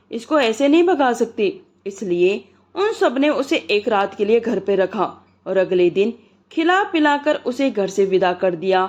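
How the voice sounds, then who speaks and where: A woman's voice: medium pitch, a little mellow. Woman narrating a comic folk tale. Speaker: storyteller.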